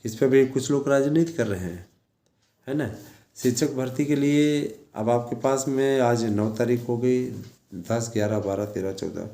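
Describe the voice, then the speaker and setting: Mellow, echoey man addressing followers. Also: mid-range voice, unhurried. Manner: repetitive, exhorting, with frequent check-in tags. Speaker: teacher and online news presenter. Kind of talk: informal monologue addressed to followers. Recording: echoey room sound.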